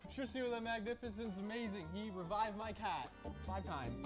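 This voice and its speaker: An actor playing a student customer in a parody infomercial testimonial. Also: male voice, sits high, moderate pace, music in the background, close to an everyday voice. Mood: impressed. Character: stressed student giving an ad testimonial.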